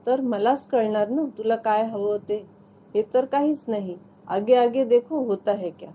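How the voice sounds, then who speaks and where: A woman reading aloud, voicing a playful, affectionate young husband who teases and gently coaxes his wife. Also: high-pitched, a little slow, a little hiss or hum. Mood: teasing. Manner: teasing, gently coaxing.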